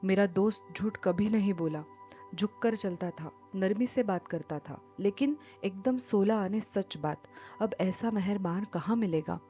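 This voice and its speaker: Give me a drunk, emotional, grieving man, read by a woman in a storybook, with soft music behind. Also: medium pitch, measured pace, close to an everyday voice. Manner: emotional, swings between outbursts and mumbles. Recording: dull lo-fi with faint music.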